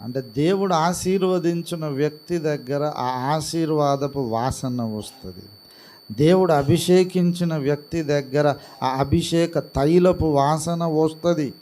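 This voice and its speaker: A male pastor delivering a sermon at a deliberately slow, unhurried pace. His voice sits a little higher than most men's, and he keeps it soft and gentle, never raising it to a shout. The delivery is calm and measured throughout.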